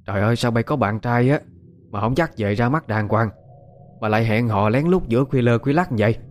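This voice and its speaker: A man's voice: mid-range voice, brisk, darkish tone, natural voice. A man doing a scolding rural mother. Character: middle-aged rural mother, scolding and sharp-tongued.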